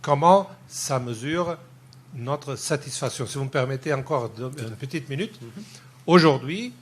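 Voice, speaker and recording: Man from Portugal, audience questioner, husky voice, halting and thinking aloud. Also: mid-range voice, animated. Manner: thinking aloud, searching for words. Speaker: audience member asking a question. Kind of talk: question from the floor at a lecture.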